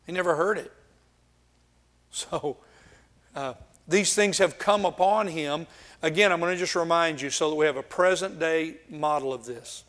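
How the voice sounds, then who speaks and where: A man preaching a Bible study sermon, reading scripture aloud with emphasis and pausing often. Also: fairly high pitch, fairly bright tone. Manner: slow and deliberate, with frequent filler pauses.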